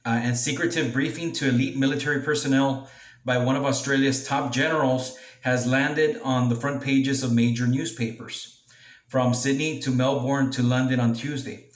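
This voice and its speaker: A man reading a news article aloud as a commentator, halting now and then as he stumbles over words. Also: mid-range voice. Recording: echoey room, distant from mic.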